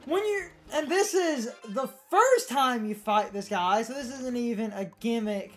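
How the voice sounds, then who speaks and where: With video game music in the background, a woman co-commentating a let's play explains things casually, rambling and getting argumentative. Her voice is a little high with lively intonation, and her pace is unhurried.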